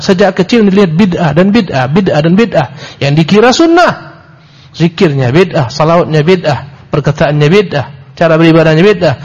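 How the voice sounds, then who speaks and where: A male preacher giving a sermon-style book lecture, reciting Arabic and explaining it in Indonesian, emphatic and repetitive, rising sharply for emphasis. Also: darkish tone. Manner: emphatic, rises sharply in pitch for emphasis, repeats phrases. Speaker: Islamic preacher. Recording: dull lo-fi lecture recording.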